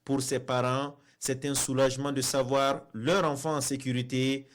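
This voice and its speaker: A man narrating a television news report in a measured, formal delivery. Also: mid-range voice, little pitch movement.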